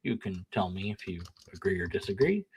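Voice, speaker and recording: This young man, hosting his own channel, has a low voice and talks fairly quickly over slight background noise. Reading an email exchange aloud as casual solo commentary, he adds blunt, sarcastic, self-mocking remarks, laughs at himself, argues with himself, and gets argumentative when he reaches his replies.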